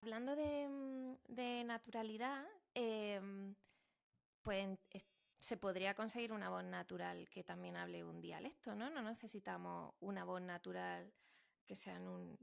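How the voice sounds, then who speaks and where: Gravelly-voiced Spanish woman host. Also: mid-range voice, fairly even intonation, unhurried. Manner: conversational, tags questions for agreement. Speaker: podcast host. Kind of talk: casual interview chat.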